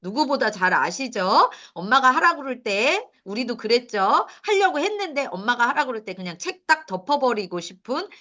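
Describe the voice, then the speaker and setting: Middle-aged woman lecturer, high bright voice, animated delivery, quizzes the parents. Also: normal speed, hardly any pauses, highs cut off. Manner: animated, asks the audience questions, laughs at her own points. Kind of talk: lecture to mothers.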